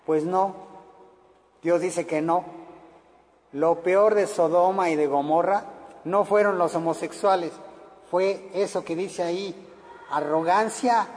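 A man's voice: sits high, fairly even intonation, slow pace, pauses often, darkish tone, long reverb tail. A middle-aged man with a Mexican accent, preaching earnestly to parents, with many fillers. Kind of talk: sermon to parents.

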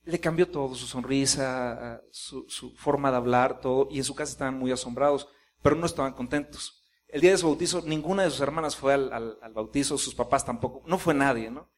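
A man's voice: mid-range voice, brisk. A middle-aged man with a Mexican accent, a pastor giving a personal testimony in a sermon and acting out the quoted dialogue as he tells it. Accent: Mexican Spanish.

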